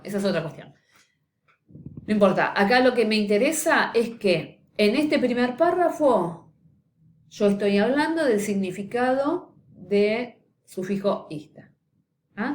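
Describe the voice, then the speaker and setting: A woman's voice: lowish voice, darkish tone. A woman giving a recorded lecture, explaining step by step and often checking in with a questioning "¿sí?". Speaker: teacher. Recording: echoey room, faint noise.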